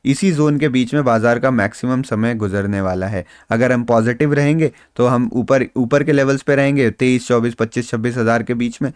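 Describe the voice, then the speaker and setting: Speaking fairly quickly and with few pauses, a trader and YouTube host breaks down market movements in an easygoing, conversational style, mixing in English phrases and putting his audience at ease. His smooth voice sits at a normal middle pitch. The sound is close and dry with no echo.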